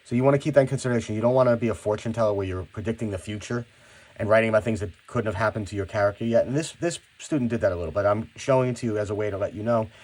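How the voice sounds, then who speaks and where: Man, teacher, instructional video, low voice, conversational, repeats himself. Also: racing, a little mellow. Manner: conversational, repeats words when starting sentences.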